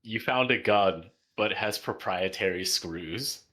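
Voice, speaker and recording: A man's voice: lowish voice, measured pace, bright, forceful tone. A man riffing and joking in casual gaming stream chat.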